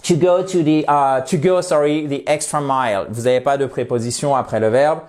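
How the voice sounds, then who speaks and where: A man whose first language is French teaching English expressions, friendly and explanatory, slowing down to model English pronunciation. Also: mid-range voice, steady tone, darkish tone.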